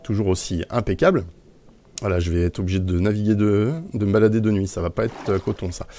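A man's voice: fairly low pitch, steady tone, fast, mellow, a little hiss or hum. A man casually commenting while playing a video game, rambling with many fillers and small chuckles. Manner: rambling, frequent "euh" fillers, chuckling asides. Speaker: Minecraft streamer.

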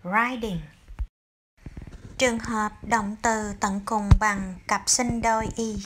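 A woman's voice: medium pitch, little pitch movement, noisy background. A woman with a Vietnamese accent teaching an English grammar lesson to children, patiently spelling out example words. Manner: calls herself teacher, addresses pupils as children, drawn-out example words.

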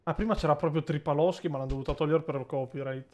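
A man streaming a video game with friends, chatting casually and bursting into excited shouts during fights. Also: fairly high pitch, fast, dull audio, background noise. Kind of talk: casual gaming chat.

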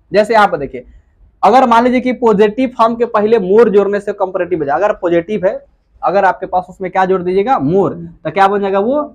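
A man whose voice sits high lectures on English grammar in a classroom style. Over and over he asks a question and answers it himself, repeating the key words slowly.

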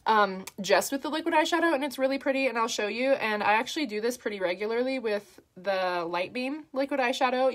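A woman talking through a makeup tutorial in a chatty, upbeat way, with lots of fillers as she works. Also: mid-range voice. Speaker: makeup artist.

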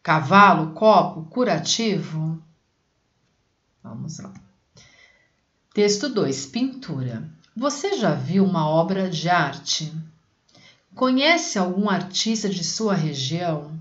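A woman teacher takes young children through a reading workbook, repeating each word slowly and splitting it into syllables. Her pitch rises and falls in a lively way. The recording sounds dull and lo-fi, in a room with a lot of echo. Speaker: primary school teacher. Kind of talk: remote reading lesson for children.

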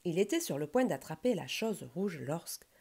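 A woman reading a children's bedtime story aloud in a gentle, expressive way. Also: fairly low pitch, moderate pace, breathy edge.

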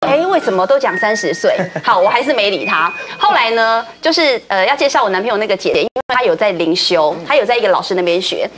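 A woman, a talk show guest telling a story in a lively way, acting out other people's lines. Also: mid-range voice, quick pace, few pauses, background noise. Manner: lively, acts out others' lines, laughs often. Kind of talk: animated storytelling.

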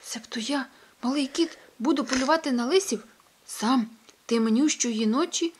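A cheeky little storybook cat, a lively young male, talks in a quick, indignant voice pitched a bit above the reader's own, as a woman puts him on. He sounds bold but small. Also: slight background noise, close to an everyday voice. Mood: wary.

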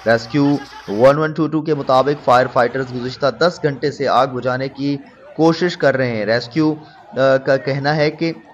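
A man reads breaking news as a voice-over, from Pakistan, formal in wording but pausing and restarting often. The recording is a little dull and lo-fi, with a faint hiss underneath. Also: mid-range voice. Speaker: news vlogger reporting.

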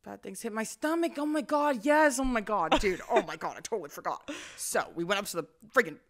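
A woman's voice: medium pitch, fairly quick. Joking, swearing podcast co-host woman. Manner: loose, joking, swears freely. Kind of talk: casual chat.

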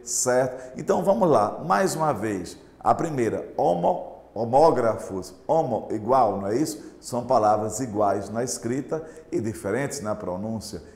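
A male teacher with a Brazilian Portuguese accent gives a recorded lesson, slow and emphatic, repeating key points and speaking straight to his students. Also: mid-range voice, a little mellow. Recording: echoey room with long reverb.

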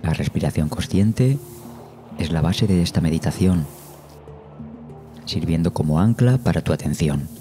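Meditation music plays beneath an expressive yet very deep, dark male voice guiding a meditation. He narrates slowly and soothingly, with measured delivery and long pauses.

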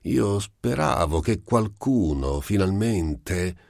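A man's voice: sits low, lively intonation, takes it slowly, creaky, darkish tone, dry recording, studio quality, voice pushed up, full character voice. A man voicing a touchy, suspicious composer. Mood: fretful. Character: touchy, suspicious middle-aged male composer.

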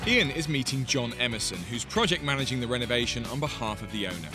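A man narrating a TV documentary in a measured, scripted voice-over. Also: medium pitch, animated. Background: music.

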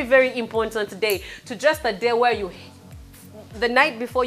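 Playful, bright-voiced young female host. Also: a little high. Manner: playful, laughs often, teasing. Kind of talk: casual talk show chat. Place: salon set, indoors. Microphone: lapel mic.

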